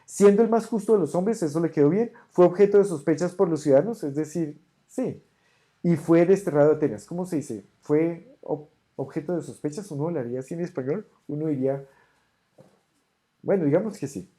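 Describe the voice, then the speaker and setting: A teacher giving an online ancient Greek grammar lesson, patiently correcting homework and sounding out Greek words slowly. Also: mid-range voice, dark tone. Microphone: camera on a desk.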